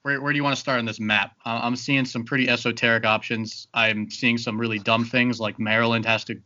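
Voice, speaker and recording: Guy hosting a chill podcast, kinda jokey, middle pitch, muffled lo-fi mic. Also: little pitch movement, brisk, sharp tone. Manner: joking, loose, lots of uh fillers. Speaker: podcast host. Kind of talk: casual podcast chat.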